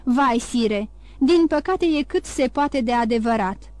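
A woman voices a frightened male minister of police, halting and pleading. His lines come in a slightly raised voice, recorded dry and close. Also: fairly high pitch, expressive, a little mellow, no echo, close to an everyday voice. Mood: desperate.

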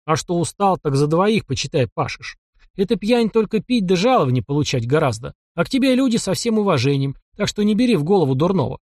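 A man plays a bold young hunter of the taiga with a sharp, scheming tongue. His voice sits raised and lively, mocking whoever he talks to. The sound is dry and close, like a storybook reading. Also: high-pitched, fast, no echo, voice pushed up. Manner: mocking, cocky and cunning.

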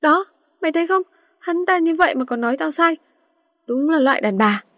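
A woman's voice: high-pitched, expressive, brisk, fairly bright tone, no room sound, clean studio sound, pitched above the performer's own voice. A woman voicing a hot-tempered young female student in a storybook reading, sassy and indignant.

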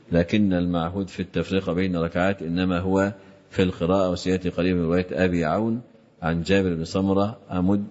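A middle-aged man reads a classical commentary aloud and explains it, filling pauses with drawn-out "aah" sounds. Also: low-pitched, a little mellow. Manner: frequent drawn-out "aah" fillers between phrases. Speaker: Islamic scholar teaching hadith commentary. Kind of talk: reading and explaining a classical text. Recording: slightly dull lo-fi recording.

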